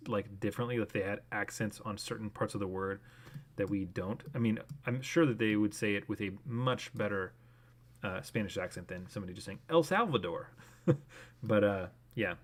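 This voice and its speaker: A young man casually thinking aloud while streaming a guessing game, rambling with many fillers. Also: fairly low pitch.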